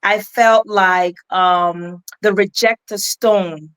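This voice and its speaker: A woman's voice: medium pitch, fairly even intonation, drawn-out words, a bit bright, clean tone. A middle-aged woman from Ghana with a West African accent, telling her life story as an interview guest in an earnest, reflective way with many restarts. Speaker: guest, keynote speaker.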